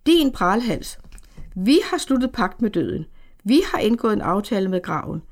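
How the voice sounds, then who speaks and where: A woman's voice: a little high, expressive, vocal fry. A woman reading the part of a stern male prophet who proclaims judgment in a firm, solemn voice.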